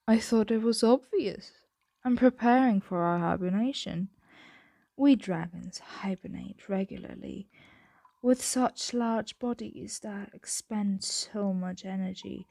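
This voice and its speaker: In an intimate ASMR roleplay, a woman plays a doting, possessive female dragon, speaking softly and deliberately and often dropping into a whisper. Her mid-range voice carries vocal fry, the recording has no echo, and her mood is matter-of-fact.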